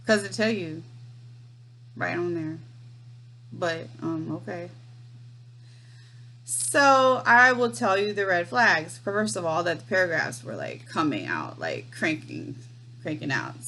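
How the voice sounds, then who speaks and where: A woman's voice: fairly low pitch, unhurried, pauses often. Wry, laughing woman telling a story. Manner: animated, laughs often, wry and amused. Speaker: storyteller vlogger. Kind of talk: casual storytime chat.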